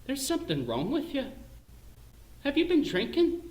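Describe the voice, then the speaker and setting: An actor voicing an anxious wife, sharp and worried. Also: male voice, extremely high pitch, huge pitch swings, moderate pace, voice pushed up, exaggerated voice. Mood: alarmed. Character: anxious Northern Irish housewife. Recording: roomy echo.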